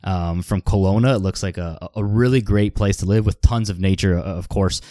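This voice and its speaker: A Canadian podcast host with a low, dark voice asks questions at a moderate pace in an easy, casual interview, repeating words as he thinks and laughing along. The studio-quality audio has no room sound.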